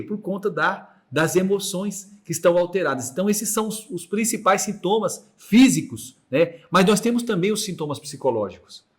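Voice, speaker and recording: A man's voice: a little high, fairly bright tone, slightly rough. A man with a Mato Grosso Brazilian accent hosting a casual podcast chat, hesitant, with many restarts, imitating heartbeat sounds as he explains. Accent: Brazilian Portuguese, Mato Grosso. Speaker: podcast host. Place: room without air conditioning.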